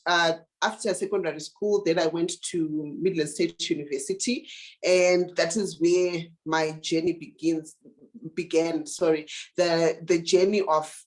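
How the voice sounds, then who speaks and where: A woman's voice: fairly low pitch, steady tone, measured pace. A young woman from Zimbabwe, a digital marketing consultant, tells her life story in an interview, earnest and full of fillers and restarts. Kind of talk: interview answers, personal story.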